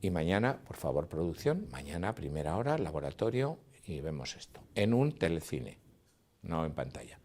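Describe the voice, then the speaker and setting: A man's voice: low voice, sing-song, moderate pace, a little mellow. An older man, a cinematographer telling stories in an interview, acting out dialogue and sounds. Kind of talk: interview reminiscence.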